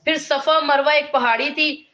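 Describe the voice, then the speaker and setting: High-voiced woman teaching a Quran lesson. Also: fairly even intonation, pushed and bright. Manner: emphatic, repeats words for stress. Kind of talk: religious lesson with storytelling. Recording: dull lo-fi recording.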